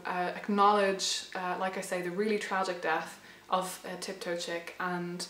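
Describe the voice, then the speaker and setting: A woman around thirty hosts a reflective vlog, speaking with thoughtful hesitation, frequent fillers, and repeated restarts. Her voice is mid-pitched, slightly hoarse, worn, and a bit bright, heard through noticeable room echo.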